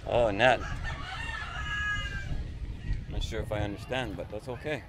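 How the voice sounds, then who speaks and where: A middle-aged Canadian travel vlogger talks briskly in a lowish voice with fairly even intonation. Walking a bustling village neighborhood, he exchanges short, simple phrases with locals, recorded outdoors on an action camera held or worn on his body, with crowd and street noise in the mix.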